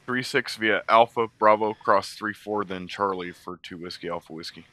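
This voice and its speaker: A man flying a simulated airplane, making brisk, businesslike radio calls in clipped aviation phrasing through a cockpit headset mic. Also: fairly low pitch, bright, forceful tone. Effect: pilot talking into a cockpit headset mic. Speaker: flight sim pilot making radio calls.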